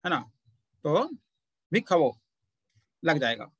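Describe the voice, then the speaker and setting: A man teaching Pali grammar in an online class, talking very slowly and patiently, pausing often to point things out. His voice sits a little high for a man. The sound is close and dry, with no room echo. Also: expressive, fairly bright tone.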